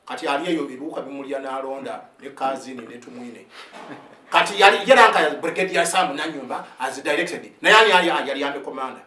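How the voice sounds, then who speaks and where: Recorded from far away in a roomy space, a man in his fifties, an army sergeant whose first language is Luganda, tells an impassioned story. His mid-range voice is quick, pushed and bright. He blends Luganda with English, stumbles and restarts, and often checks in with "eh?".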